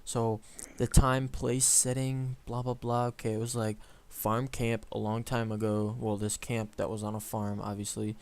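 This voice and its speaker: A man's voice: on the low side, level tone, moderate pace, few pauses, darkish tone, smooth. A young man casually telling a story on a chat show, rambling with lots of fillers and self-corrections.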